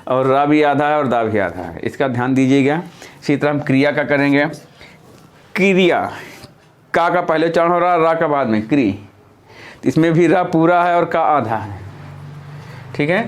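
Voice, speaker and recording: A man's voice: a little high, expressive, normal speed. A man teaching a lesson, who explains patiently step by step, repeats key points and corrects himself as he goes. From India. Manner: self-correcting, thinking aloud mid-explanation. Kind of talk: classroom-style lesson.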